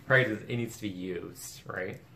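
A man's voice: on the low side, fairly quick, gravelly, pushed and bright. A man chatting casually as a vlogger, gushing and chatty as he shows off bags. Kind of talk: casual unboxing chat. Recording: echoey room with faint background noise.

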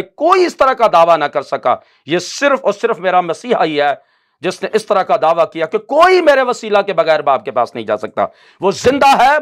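A middle-aged man preaches from a small TV studio, his voice pitched high for a man. He speaks fervently, surging in repeated calls and dropping low at the ends of phrases. The lapel mic keeps him close and clear. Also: a bit bright. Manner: impassioned, rising and falling in bursts. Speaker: pastor. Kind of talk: sermon. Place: small TV studio with a news backdrop.

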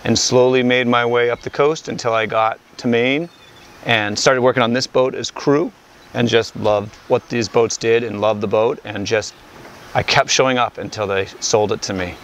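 A middle-aged man from Cape Cod, a ship captain, talks in a relaxed, plain-spoken way with a dry bit of humor. His voice sits in an ordinary middle pitch, picked up on a lapel mic on an open deck with faint outdoor noise. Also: moderate pace. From Cape Cod, USA. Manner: easygoing, plain-spoken, wry. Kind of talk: casual interview. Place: outdoors on a wooden schooner deck. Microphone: lavalier.

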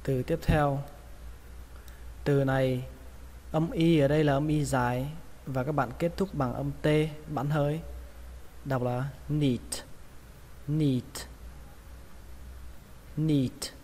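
Slow, patient Vietnamese-accented man teaching. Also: medium pitch, steady tone, darkish tone. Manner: slow, patient, repeats each word. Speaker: English teacher. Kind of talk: pronunciation lesson. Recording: long reverb, faint ambient noise.

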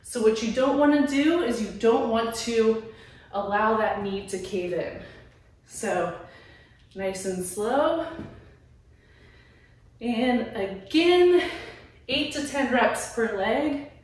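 A woman's voice: a little high, slow pace. A woman fitness trainer coaching a workout at home, encouraging and talking while she moves. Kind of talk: workout instruction. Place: small room at home. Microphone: camera at a distance. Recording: very echoey room, far from mic.

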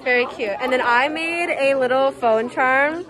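A woman's voice: high voice, measured pace, a crowd in the background. A young woman with a bubbly, girly manner, narrating a casual vlog to camera on a handheld phone. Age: young adult. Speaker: college student vlogger, sorority rush chair. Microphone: phone or camera at arm's length. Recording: noisy handheld vlog, room and street ambience.

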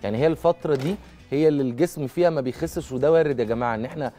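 A man in his thirties with an Egyptian Arabic accent, a guest doctor calmly explaining weight questions to a caller on a TV show. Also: mid-range voice, rapid-fire, faint music behind. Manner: calm, explanatory, with frequent restarts. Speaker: guest doctor, nutrition advisor. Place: TV studio. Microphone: lapel mic.

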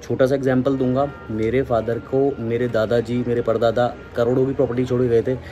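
Speaking fairly quickly in a mellow, mid-range voice with little pitch movement, a young man gives casual fitness vlog explanations directly to viewers. He's on the rooftop and open balcony of an unfinished building, with soft background music plus clear outdoor ambience and traffic noise.

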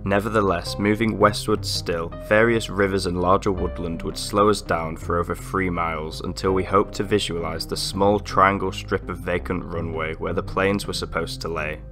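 A man with a very low voice narrates in a measured, formal, scripted way. A little music plays softly beneath his words. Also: fairly even intonation. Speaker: channel narrator. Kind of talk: scripted documentary voice-over.

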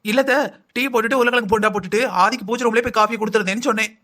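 A man's voice: high voice, steady tone, very fast, bright, forceful tone, exaggerated voice. A man voicing a lazy, scheming young wife in a cartoon, whining and complaining in long sing-song lists. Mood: sly. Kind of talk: cartoon voice acting.

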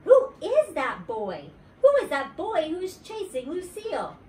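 A woman voicing an eager, excitable little girl classmate who calls out breathlessly. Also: fairly high pitch, moderate pace, far from the mic, pitched above the performer's own voice. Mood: alarmed. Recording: roomy, away from the mic.

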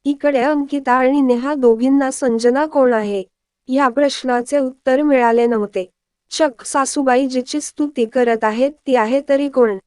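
A woman's voice: sits high, a little mellow, smooth, dry recording, studio quality. A woman narrating a family story, reading steadily and expressively.

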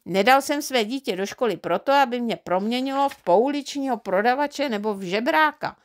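A woman's voice: fairly high pitch, lively intonation, close to an everyday voice. A woman reading an indignant grumbling father. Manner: indignant, lecturing. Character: stern grumbling middle-aged father.

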